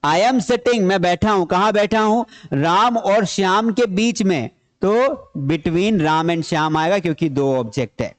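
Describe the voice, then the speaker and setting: A man's voice: high-pitched, a little slow, hardly any pauses. A man teaching a grammar class, repeating key points and asking questions he answers himself. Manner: repeats key points, explains in Hindi mixed with English terms. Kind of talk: classroom lecture.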